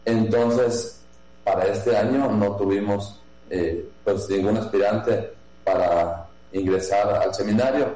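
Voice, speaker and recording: A man from Jalisco, a priest who runs a seminary, answering interview questions slowly, with many pauses, fillers and restarts. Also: on the low side, warm tone. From Mexico, Jalisco. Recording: echoey room with mains hum.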